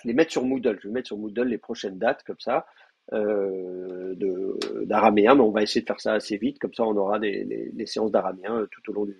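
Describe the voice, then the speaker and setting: A man's voice: on the low side, creaky, breathy edge, lo-fi sound. A man teaching an online class, explaining patiently with many fillers and restarts. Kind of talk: online lecture.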